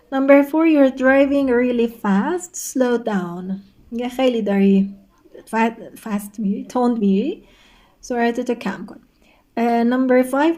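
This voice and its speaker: A woman's voice: a little high, dark tone. A woman teacher explaining a textbook exercise step by step, reading each prompt aloud and giving the answer while speaking directly to her students. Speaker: English teacher. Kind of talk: recorded online lesson walkthrough.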